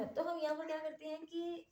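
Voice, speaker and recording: Her voice is high, steady in tone and a little mellow, moving at a moderate pace as this patient English phonics teacher gives a classroom-style explanation. She frequently asks "okay?", in an echoey room with faint noise.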